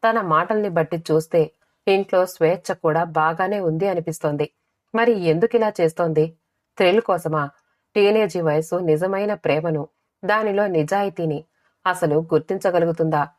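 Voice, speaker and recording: A woman narrates a dramatic first-person story for an audiobook. Her delivery is measured and expressive, and her voice sits somewhat low for a woman.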